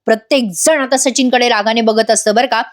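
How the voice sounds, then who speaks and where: A woman narrates a TV serial episode in a chatty voice-over and keeps turning to her viewers. Her voice sits high, and she talks casually throughout. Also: steady tone, brisk. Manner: chatty, addresses viewers directly.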